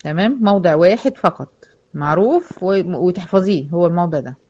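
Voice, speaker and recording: A woman's voice: on the low side, animated, a little fast, dark tone, dull audio. A woman with an Egyptian accent teaching Quran recitation rules to female students, patiently asking questions and answering them herself. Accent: Egyptian Arabic. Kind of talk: online tajweed lesson to female students.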